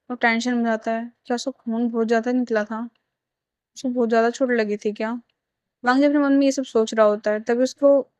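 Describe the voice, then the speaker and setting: A woman's voice: fairly high pitch, a little mellow, clean tone, no room sound, muffled recording. A young woman narrating a fan fiction story and voicing its characters herself in a plain, emotional way.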